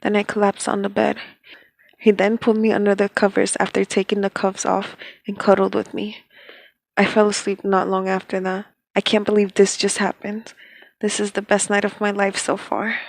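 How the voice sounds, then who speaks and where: Giggly young woman reading aloud, gravelly. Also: mid-range voice, completely flat delivery, normal speed, dry recording, low-quality recording. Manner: giggly, flustered, stumbles and rereads lines. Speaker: fanfic reader.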